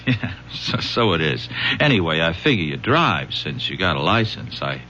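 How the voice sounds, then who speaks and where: An actor playing a wily police detective who feigns friendliness, with a hesitant, folksy, repetitive way of talking. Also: male voice, low voice, very animated, moderate pace, pushed and bright, a little hiss or hum, heavily acted. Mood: slyly probing. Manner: hesitant, folksy, repeating himself. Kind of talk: 1970s radio drama acting. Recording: dull, humming radio drama recording.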